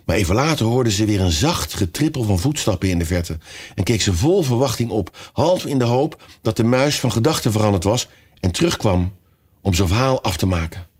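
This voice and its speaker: A man reading a children's story aloud as narrator, with expressive storytelling. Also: fairly low pitch, fairly quick, breathy edge. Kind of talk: audiobook reading.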